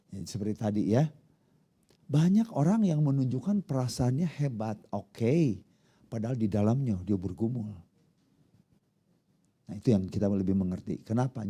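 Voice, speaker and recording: Man, pastor, sermon, dark tone, husky voice, question-and-answer style. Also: mid-range voice. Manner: conversational, asks the congregation questions.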